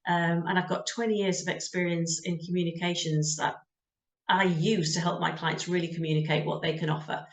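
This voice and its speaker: Speaking briskly and flatly in an echoey room, this lowish-voiced guest is a middle-aged job search coach from the UK. She recounts her story in a candid, conversational British manner, often saying um.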